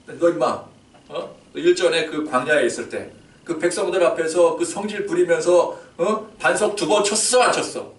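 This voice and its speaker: A man voicing God as a calm, fatherly male divine figure, speaking softly and intimately. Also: on the low side, moderate pace, voice pushed down. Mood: stern. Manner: soft, intimate, fatherly address. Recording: echoey church hall, distant mic.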